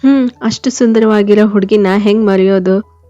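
A woman's voice: medium pitch, steady tone, normal speed, dry recording, lightly acted. A woman voicing a teasing young husband. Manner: playful, gently scolding. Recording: dull lo-fi, faint music behind.

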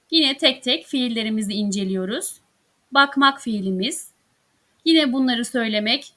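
A woman teaching grammar, working through verb conjugations one by one with careful, deliberate articulation. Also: on the high side, a bit bright. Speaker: Turkish language teacher. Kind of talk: slow, careful grammar drill reading.

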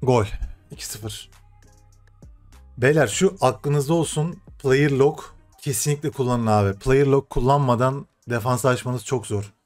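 A young man commentating his own football video game matches, excitable and swearing, shouting at the game and then muttering to himself. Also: medium pitch, a little slow, faint music behind. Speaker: gaming streamer.

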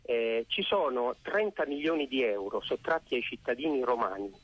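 A man's voice: mid-range voice, expressive, normal speed, husky. A man calling in to a radio show over the phone, hesitating at first and then pressing an insistent complaint. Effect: phone-line voice on a radio call-in. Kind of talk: call-in question on air.

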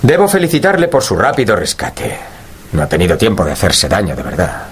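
A man acting in a radio drama as a kind, earnest gentleman doctor, polite and reassuring. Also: low-pitched, wildly swooping pitch, brisk, slight background noise. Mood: calming, firm. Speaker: voice actor.

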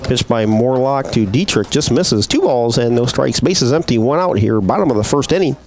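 Lively baseball play-by-play man. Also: medium pitch, normal speed, crowd noise. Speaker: play-by-play announcer. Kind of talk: live baseball commentary.

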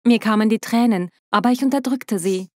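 A young woman tells a dramatic first-person story with emotive scripted delivery. Her voice sits slightly high. The recording is close and dry. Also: fairly quick, dry recording.

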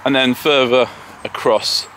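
An English homesteader vlogger gives an unhurried, casual walking tour of his garden and orchard, chatty and self-mocking. His medium-pitched voice holds a steady tone, pushed and bright, with slight background noise and distant tractors and farm vehicles.

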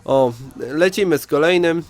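A congested, nasal-sounding man with a head cold hosts a casual let's-play, chatting straight to his viewers. His voice sits on the high side and moves at a moderate pace, with no room sound and soft music playing behind him.

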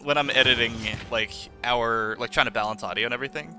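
A man's voice: mid-range voice, fast talker, sharp tone, soft background music. A young man co-hosting a podcast in casual chat, rambling and laughing often, with casual swearing. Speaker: podcast co-host.

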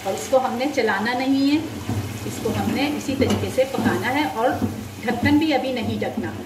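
Her slightly high voice moves at a moderate pace as she patiently explains each step and offers tips from her home stove for her cooking channel. The echoey kitchen, distant mic, and loud frying and sizzling are all clearly heard.

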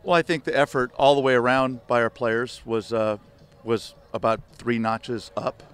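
A man's voice: medium pitch, fairly even intonation, moderate pace, fairly bright tone, smooth. An older man, a head soccer coach, giving a rambling postgame interview on a field at night, full of restarts and fillers. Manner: rambling, many restarts and "you know" fillers. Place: outdoor stadium field at night. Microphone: handheld reporter mics held close.

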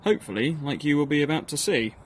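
A man's voice: on the high side, fast. A Northern Irish man giving casual, self-deprecating narration of a workshop build, with plenty of ums and uhs. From Northern Ireland. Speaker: hobby blacksmith.

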